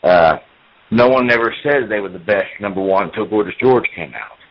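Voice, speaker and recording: An American professional wrestler in his forties talks at length in an interview, repeating himself as he tells his story. His voice is lowish and a little fast, and the audio sounds dull.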